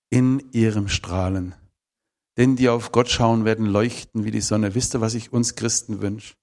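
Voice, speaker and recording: A man, telling his personal testimony in an emphatic, emotional way. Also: mid-range voice. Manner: emphatic, emotional storytelling with shifting volume.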